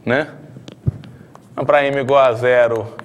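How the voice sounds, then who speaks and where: Brief: middle-aged Brazilian math professor, mid-pitched, explains at the board and thinks aloud. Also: male voice, steady tone, a little slow, dull audio, slight background noise. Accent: Brazilian Portuguese. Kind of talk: blackboard math lecture.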